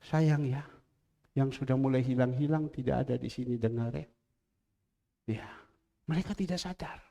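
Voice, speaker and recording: A man preaching a sermon as pastor, swinging between loud, emphatic lines and hushed asides and repeating key phrases for emphasis. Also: mid-range voice, normal speed, vocal fry.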